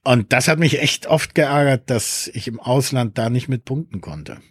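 A man who grew up in Berlin talks through his thoughts in a casual conversation, pausing to reflect and then pressing a point with emphasis. His voice sits in a mid register and is recorded close and dry, with no room sound. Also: mid-range voice, slightly rough, dry recording. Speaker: conversation partner. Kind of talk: casual chat.

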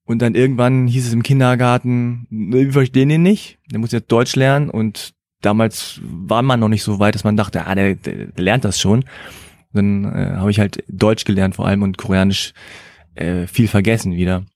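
A man in a casual conversation, telling anecdotes in a measured, steady way. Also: on the low side, dry recording, studio quality. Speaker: conversation partner. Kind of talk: casual chat.

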